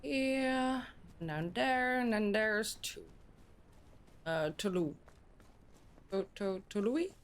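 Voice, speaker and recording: A young Dutch woman from the Netherlands, Dutch accent evident, chats with viewers during a live game stream, answering them and bursting into laughter. Her medium-pitched voice is clean, with lively intonation, a slow pace and frequent pauses.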